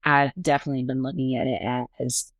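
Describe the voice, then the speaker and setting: A woman's voice: very deep voice, level tone, brisk, no room sound. A woman in her twenties co-hosting a casual podcast, laid-back and reflective. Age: 20s. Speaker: podcast co-host. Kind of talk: casual chat.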